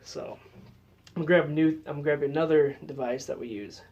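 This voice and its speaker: A man's voice: a little high, fairly quick, darkish tone, dull audio. A man giving a casual how-to demonstration as a paranormal investigator, explaining in a loose, chatty way with lots of fillers.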